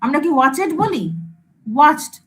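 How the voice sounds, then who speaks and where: A woman's voice: high-pitched, expressive, normal speed, a bit bright, rough recording. A woman lecturer teaching a class, repeating example words and checking whether her students follow, with English terms mixed into her speech. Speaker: computer science lecturer.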